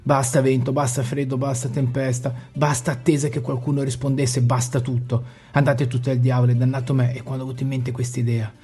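A man voicing an exhausted young man stranded in a storm, crying and shouting in repeated raw outbursts. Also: mid-range voice, flat delivery, brisk, few pauses, breathy edge. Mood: despairing.

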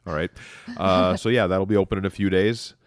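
A man hosting a podcast in a relaxed, rambling chat, a little stuffy from allergies. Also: low voice, a little fast, no echo. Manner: relaxed, rambling, dry humor. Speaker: podcast host. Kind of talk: casual chat.

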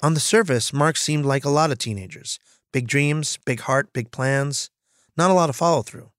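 A man hosting a podcast, reading measured, scripted narration. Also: on the high side, a bit bright, no room sound, clean studio sound. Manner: measured, storytelling. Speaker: podcast host.

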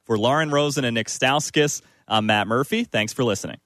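A man's voice: mid-range voice, brisk, very noisy. A man hosting a sports talk radio discussion.

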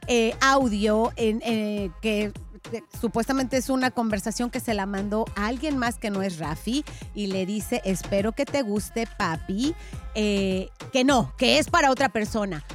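A woman's voice: on the high side, unhurried. A woman hosting a radio gossip segment in a casual, playful and theatrical way. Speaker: radio entertainment gossip host. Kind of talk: casual celebrity gossip commentary. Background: faint music.

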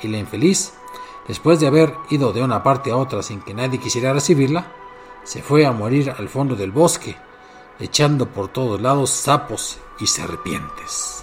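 A man narrating a fairy tale in measured storytelling. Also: mid-range voice, expressive, faint music behind.

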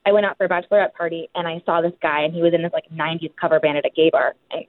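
A woman heard over a phone speaker as a guest on a call, chatty and quick to laugh as she tells a story. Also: deep voice, fairly even intonation, no room sound, narrow, tinny audio. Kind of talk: casual chat.

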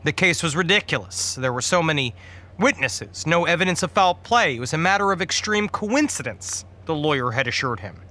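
A man reading a dark comic story aloud, shifting his voice for the characters. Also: a little high, animated, brisk. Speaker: guest preacher reading a story.

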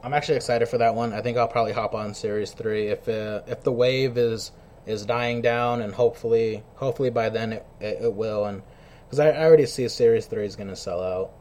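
A man's voice: lowish voice, fairly even intonation, brisk, darkish tone, a little hiss or hum. A man hosting a casual podcast, chummy and slangy, swearing freely. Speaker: podcast host. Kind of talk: casual interview chat.

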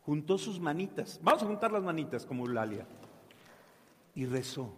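A priest telling a saint's story to children in a church, asking them questions and having them answer back. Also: male voice, fairly high pitch, normal speed. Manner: animated, asks children questions, call and response. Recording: echoey church hall.

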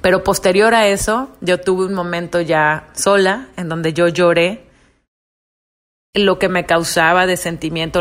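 A young woman hosting a reflective monologue podcast, earnest and confiding. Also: lowish voice. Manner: earnest, confiding, acts out quoted voices. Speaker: podcast host.

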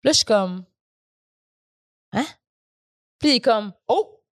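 A young woman with a Québécois French accent telling a story in casual chat, animated and full of fillers, acting out what people said. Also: on the high side, slow pace, no room sound, studio quality. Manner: animated, full of "genre" and "là" fillers, acts out quotes. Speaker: guest storyteller.

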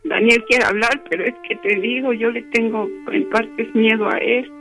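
A timid, tearful young woman , put on by a man in a radio prank call. The voice is very high and bright and keeps halting as she pleads. Faint music sits underneath. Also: fairly even intonation, heavily acted. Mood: hesitant.

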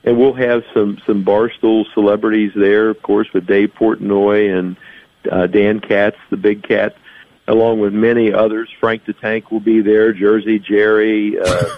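A man's voice: on the low side, level tone, a little slow. A man promoting an event as a guest, chatting casually over a thin phone line.

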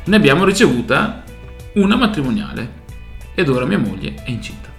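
A man's voice: fairly high pitch, sing-song, fairly quick, gravelly. A man co-hosting a casual comic radio show, joking in a mock-serious way. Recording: roomy sound over background music.

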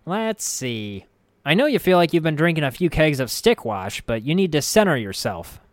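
A cheeky, wisecracking talking skull that banters in a breezy, slangy way, its voice pitched somewhat above a low male narrator's, as the narrator puts him on. The sound is close and dry. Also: very animated, moderate pace, no room sound. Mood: teasing. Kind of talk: audiobook character voice.

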